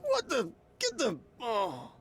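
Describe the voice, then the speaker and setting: A man's voice: very high voice, wildly swooping pitch, takes it slowly, a bit bright, a little hiss or hum, exaggerated voice. An actor playing an agitated, petulant man in a video game, blustering and exasperated. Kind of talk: video game character acting.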